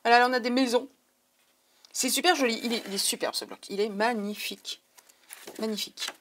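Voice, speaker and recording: A woman's voice: a little high, brisk, fairly bright tone, a little hiss or hum. A woman with a French accent, chatting casually to her viewers in a craft haul video, digressing often. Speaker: craft vlogger.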